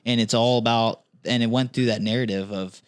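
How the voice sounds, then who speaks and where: A man's voice: medium pitch, fairly even intonation, brisk, clean tone, dry recording. A man, a podcast guest, chatting casually about sports in an easygoing, hesitant way. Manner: easygoing, hesitant, laughs often.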